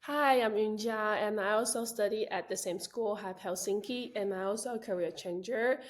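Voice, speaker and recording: A woman's voice: medium pitch, moderate pace. A woman, a student guest, introducing herself in a plain, matter-of-fact way. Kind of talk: casual interview.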